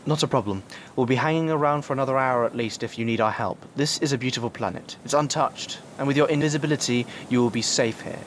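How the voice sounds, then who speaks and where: A man's voice: medium pitch, fast talker, few pauses, a little hiss or hum, close to an everyday voice. Man playing the Doctor, a seasoned time traveller. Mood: calm. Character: seasoned time-travelling male adventurer, knowing and protective. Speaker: lead actor in a fan audio drama. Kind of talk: scripted audio drama acting. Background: music.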